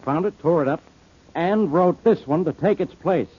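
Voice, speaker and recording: Husky, blustering police inspector. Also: male voice, fairly high pitch, moderate pace. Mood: accusing. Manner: blustering, accusatory. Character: blustering, suspicious police inspector, gruff and stubborn. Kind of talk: 1940s radio detective acting. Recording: dull old radio recording.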